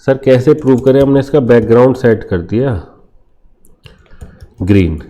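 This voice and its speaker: Mellow-voiced man teaching a coding lesson. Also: mid-range voice. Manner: explains step by step, asks and answers imagined student questions. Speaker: programming teacher. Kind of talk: screen-share coding tutorial.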